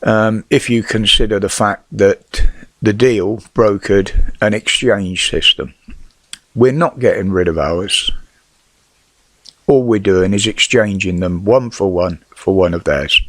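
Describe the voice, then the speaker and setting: Middle-aged British male, lowish voice, whistling sibilants, dry sound, blunt and sweary off-the-cuff commentator. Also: takes it slowly, fairly bright tone, no room sound. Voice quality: whistling s from false teeth. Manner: blunt, sweary, rhetorical questions. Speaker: vlogger giving news opinions. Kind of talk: casual opinionated news commentary.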